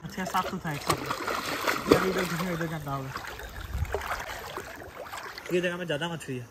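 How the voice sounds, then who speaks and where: A man's voice: a little high, steady tone, moderate pace, heavy background noise. Young man chatting outdoors by a river. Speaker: friend on the trip. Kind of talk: casual chat.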